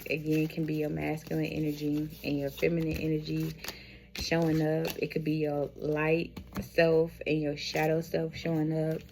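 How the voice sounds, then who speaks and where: A woman giving a spiritual tarot reading to her viewers, speaking in a slow, reflective way, repeating phrases and calling them y'all. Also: low voice, a little hiss or hum. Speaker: tarot reader.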